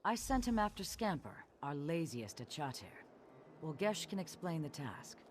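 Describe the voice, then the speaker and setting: An actress voicing a stern female Orc clan chief in a video game, speaking with measured authority. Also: sits low, very animated, a little hiss or hum. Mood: wry, commanding. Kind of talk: video game character dialogue.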